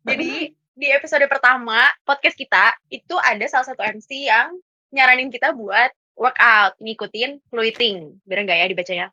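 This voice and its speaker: Bright young woman, chatty podcast guest. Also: fairly high pitch, a little fast, no echo, muffled recording. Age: young adult. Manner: chatty, laughs often, mixes in English words. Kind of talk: casual podcast discussion.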